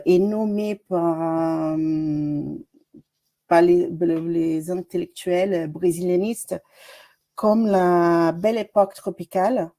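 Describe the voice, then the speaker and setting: Speaking with a fairly low, mellow voice, this doctoral student from Brazil shares her research during a video-call webinar. Portuguese is her native language, her accent is Brazilian, and her delivery is hesitant and full of fillers.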